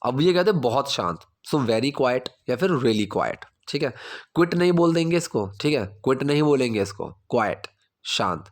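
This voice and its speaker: A man teaching English grammar in Hindi, explaining step by step and saying the English example sentences slowly. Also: mid-range voice, big pitch swings. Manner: explains step by step, checks with "theek hai?".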